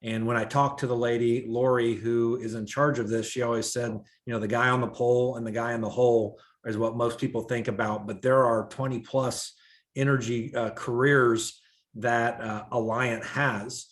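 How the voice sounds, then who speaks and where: A man giving a school board report over a video call, his volume rising and dipping unevenly, with halting pauses and fillers. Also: mid-range voice, flat delivery.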